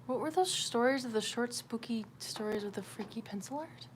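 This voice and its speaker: A woman with a somewhat high voice talks at a normal pace while hosting a livestream, chatting casually as she draws. She's informal, swears freely, and pokes fun at herself. The recording is clear, with background noise and room ambience audible.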